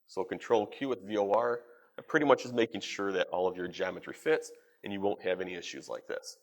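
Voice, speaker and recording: A man giving practical advice in a live software demo at a conference session. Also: deep voice, fairly quick. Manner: practical, advisory. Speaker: presenter.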